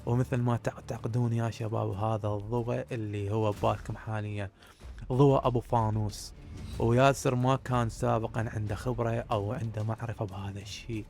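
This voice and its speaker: A man with a Baghdad Iraqi accent tells a spooky desert tale at a quick clip. His voice is gravelly with a lot of vocal fry. He talks straight to his listeners and keeps the tension building. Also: on the low side, fairly even intonation, darkish tone, slight background noise. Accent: Iraqi Arabic, Baghdad. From Iraq. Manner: addresses listeners directly, builds suspense. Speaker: storyteller. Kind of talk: casual spoken horror storytelling.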